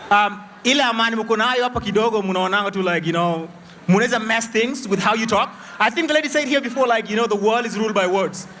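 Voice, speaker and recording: A man's voice: high-pitched, fast. Hesitant man from South Sudan. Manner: hesitant, many fillers, mixing Swahili slang. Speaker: audience member. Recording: loud crowd and noise, from far off.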